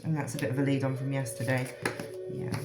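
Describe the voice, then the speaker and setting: A woman's voice: a bass voice, level tone, fairly quick, loud music behind the voice. A woman giving a rambling, casual tarot reading, full of fillers and restarts, with a frog in her throat. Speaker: tarot reader.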